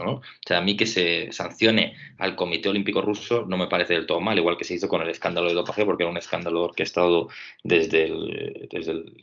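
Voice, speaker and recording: A man's voice: low voice, gravelly. A man from Spain, a podcaster, debating casually and thinking aloud with many fillers and tag questions. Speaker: podcaster and panelist. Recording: dull lo-fi audio.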